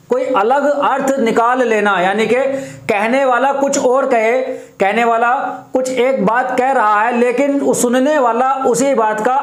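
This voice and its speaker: A man teaching a Hindi grammar lesson for exam prep, explaining slowly, repeating examples and asking rhetorical questions. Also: extremely high pitch, roomy sound.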